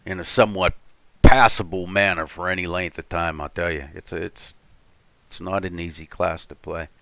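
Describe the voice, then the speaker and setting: A man with a low voice and plenty of fry talks through his game. His commentary is casual and unscripted, as if thinking aloud. A steady hiss from an open computer sits under the recording. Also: moderate pace, no echo. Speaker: streamer playing a naval warship game.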